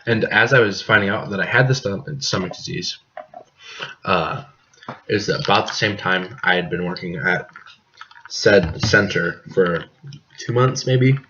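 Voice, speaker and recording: A young man from the US Midwest co-hosting a casual podcast, joking and rambling with deadpan asides, coughing now and then. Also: low voice, unhurried. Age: young adult. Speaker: podcast co-host. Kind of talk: casual chat. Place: apartment living room. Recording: dull lo-fi home recording, faint noise.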